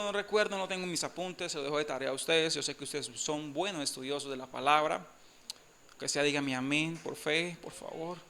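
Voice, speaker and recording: A man preaches a lively sermon in a church and keeps drawing the congregation in. His voice sits high for a man and sounds bright and forceful. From Colombia. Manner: animated preaching, asks congregation for amen. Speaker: pastor.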